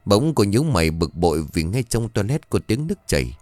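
Deep-voiced man reading a horror story. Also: big pitch swings, a little mellow, no echo. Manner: slow, suspenseful reading. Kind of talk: scripted horror narration. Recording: music bed behind the voice. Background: faint music.

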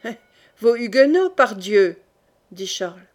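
In an audiobook, a woman voices a suspicious, stern young French king who questions his court in a probing, quietly menacing way. Her voice is medium-pitched and sing-song, and she speaks a little slowly.

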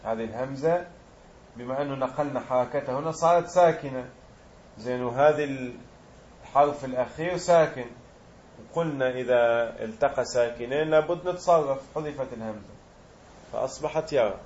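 A man's voice: medium pitch, fairly quick, pauses often, a little mellow, highs cut off, slight background noise. A man teaching a grammar lesson, explaining step by step and quizzing his students.

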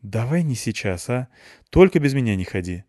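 A man's voice: medium pitch, big pitch swings, normal speed, no echo, clean studio sound, pitched above the performer's own voice, natural voice. A man voicing a tired, snarky young woman gamer who trades teasing insults, read for an audiobook. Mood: teasing, grumpy. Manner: sharp-tongued, teasing.

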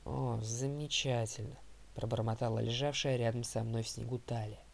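A male audiobook narrator telling the story in a steady first-person voice. His tone is gravelly and creaky. The pitch sits in the middle of the male range. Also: fairly quick, a little hiss or hum.

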